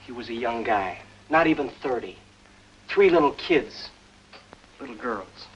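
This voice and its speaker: An actor playing a guilt-ridden young policeman in a 1950s film, speaking in a quiet, subdued way. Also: mid-range voice, lively intonation, unhurried, lo-fi sound, lightly acted. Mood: subdued, remorseful. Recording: old film audio with faint hum.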